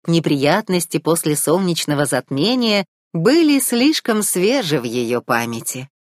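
Expressive woman reading a storybook. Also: low-pitched, a little slow, no room sound, clean studio sound. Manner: expressive, rising and falling. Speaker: narrator.

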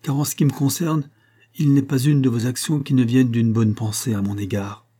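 A man's voice: medium pitch, steady tone, moderate pace, warm tone, husky, natural voice. A man voicing a shy, respectful young man who speaks hesitantly in a storybook reading. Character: timid, devoted young man.

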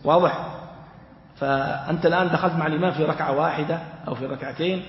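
A man's voice: fairly high pitch, steady tone, quick pace. A man from Yemen teaching a religious lesson, explaining a text step by step, asking rhetorical questions and repeating key phrases. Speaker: sheikh teaching a study circle. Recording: echoey lo-fi hall recording.

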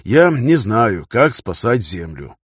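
A man's voice: on the low side, sing-song, takes it slowly, slightly rough, no echo, clean studio sound, exaggerated voice. Man doing a stubborn gym-teacher hero, plain spoken. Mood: uncertain.

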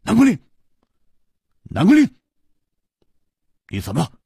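A man's voice: a little high, wildly swooping pitch, unhurried, breathy edge, no room sound, clean studio sound, exaggerated voice. A man voicing a bold young male hero who exclaims and presses questions urgently.

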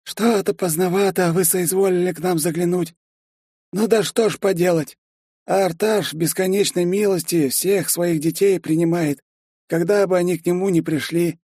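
A man voicing a bored male lizard clerk in an audiobook, speaking in a flat, emotionless manner. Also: high-pitched, moderate pace, husky, no echo, clean studio sound, pitched above the performer's own voice. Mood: deadpan.

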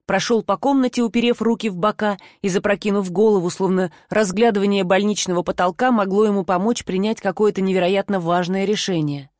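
A woman reading a novel aloud in an even, steady first-person narration. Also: medium pitch, a little fast, hardly any pauses, no echo, clean studio sound. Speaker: audiobook narrator.

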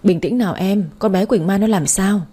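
A woman reading the lines of a middle-aged father-in-law who gently asks his wife to stay calm, in an audio story. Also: mid-range voice, normal speed, slightly rough, natural voice. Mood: worried. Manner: gentle, soothing.

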